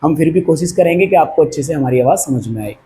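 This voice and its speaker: Fast and lively in intonation, a hoarse male maths teacher with a high, dark-toned voice teaches at the whiteboard. Faint background noise is audible as he patiently asks questions and answers them himself.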